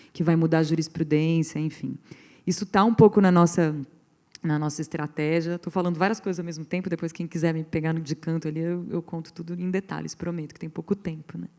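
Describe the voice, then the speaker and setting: A woman's voice: low-pitched, flat delivery, a little fast, a little mellow. A woman lawyer with a Brazilian accent speaking on a panel, earnest and rambling, with many restarts and fillers. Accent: Brazilian Portuguese. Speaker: pro bono lawyer on a panel. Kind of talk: panel talk to a live audience.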